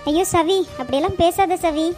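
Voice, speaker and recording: A woman voicing a gentle, dutiful young woman in a cartoon, speaking softly and meekly. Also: very high voice, normal speed, faint music behind. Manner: soft, meek.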